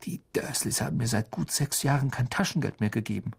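A man's voice: medium pitch, fairly quick, creaky, breathy edge. A man voicing an anxious but brave young boy wizard in an audiobook reading. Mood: wry.

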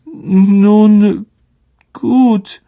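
A man's voice: sits high, fairly even intonation, drawn-out words, gravelly, dark tone, muffled recording, pitched above the performer's own voice, full character voice. A man voicing a vain, cowardly male teacher who stammers, in an audiobook reading. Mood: flustered. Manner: stammering, flustered. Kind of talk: audiobook character voice.

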